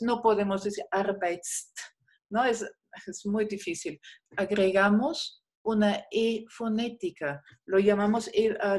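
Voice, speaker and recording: A woman's voice: mid-range voice, darkish tone. A woman teaching a class, explaining step by step, patient, with many fillers. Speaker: German teacher. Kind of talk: online class lecture.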